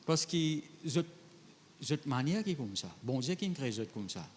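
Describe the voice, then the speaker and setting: A man's voice: medium pitch, big pitch swings, unhurried, big-room sound, slight background noise. A male pastor preaching a sermon in a conversational way, reading Bible verses and then talking straight to the congregation. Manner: conversational preaching, mixing French with Creole phrasing.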